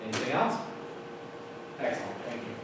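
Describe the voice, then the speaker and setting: An animated middle-aged man with a medium-pitched voice and a moderate pace stands at a podium before a school board. As a school administrator, he casually explains policy updates, using plenty of fillers. He's recorded from across a large meeting room on a far-off mic, so the audio is noisy and very echoey.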